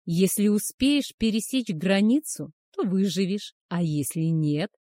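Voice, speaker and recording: A woman voicing a cruel, brooding male werewolf hunter who speaks harshly and loudly. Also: medium pitch, unhurried, no echo, clean studio sound, lightly acted. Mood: menacing. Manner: harsh, menacing, loud.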